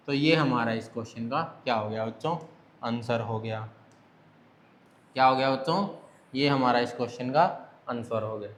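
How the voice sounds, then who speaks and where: A man's voice: on the high side, fairly bright tone. A male maths teacher giving an online lesson with an Indian English accent, who keeps asking the children questions and answering them himself. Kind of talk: online class lecture. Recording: echoey room.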